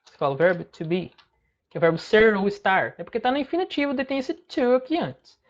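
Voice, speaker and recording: A woman's voice: medium pitch, animated, quick pace, lo-fi sound. Patient Brazilian woman teaching English. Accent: Brazilian Portuguese. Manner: patient explaining, breaks phrases word by word. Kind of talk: online language lesson.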